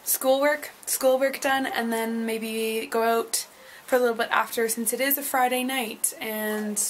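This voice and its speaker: A woman's voice: on the high side, flat delivery, unhurried, a little hiss or hum, low-quality recording. A woman in her twenties chatting casually to her vlog camera, rambling along with frequent ums. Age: 20s. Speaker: vlogger.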